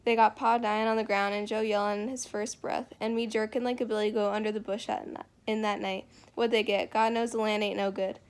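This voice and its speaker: A woman's voice: medium pitch, little pitch movement, a little fast, hardly any pauses, clean tone, close to an everyday voice. A woman reading the lines of a lonely, bitter middle-aged farmer man who rambles in a drawling rural dialect.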